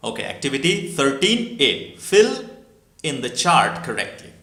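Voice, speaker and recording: Lively Bengali-accented male English teacher. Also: mid-range voice, drawn-out words, vocal fry, reverberant. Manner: mixes English and Bengali, drills pronunciation with repeat-after-me. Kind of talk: recorded English lesson.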